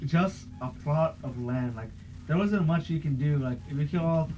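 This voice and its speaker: A man's voice: on the high side, normal speed, a crowd in the background. A young man hosting a podcast, chatting casually in a rambling, profane way. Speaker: podcast host. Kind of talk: casual chat. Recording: muffled with faint hiss.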